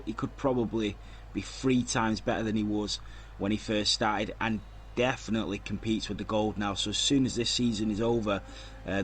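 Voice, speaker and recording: Man calling a sim race. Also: mid-range voice. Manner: casual, chatty, reads out lap times and viewer comments. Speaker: race commentator. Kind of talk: live sim racing commentary.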